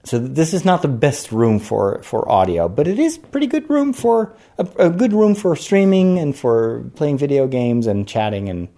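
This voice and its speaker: A man with a soft, mellow tone talks informally as a podcast host, thinking aloud as he goes. His mid-pitched voice bounces off the wooden floor of an echoey room at home. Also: expressive, moderate pace, hardly any pauses. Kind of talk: casual chat to listeners.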